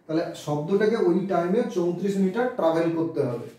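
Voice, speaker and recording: A man's voice: sits high, brisk, dark tone, distant mic. A man teaching a physics lesson, explaining step by step and working sums aloud. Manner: explains step by step, works sums aloud, mixes in English terms. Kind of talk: classroom physics lecture. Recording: very echoey room, voice away from the mic.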